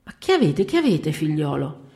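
Woman playing an old priest, jolly and fatherly, low gravelly voice. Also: big pitch swings, moderate pace, dark tone, full character voice. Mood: amused. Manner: chuckling, fatherly.

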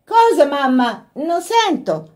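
A woman putting on a gushing excitable young girl. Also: high voice, a little slow, voice pushed up. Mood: gushing excited. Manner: breathless, gushing.

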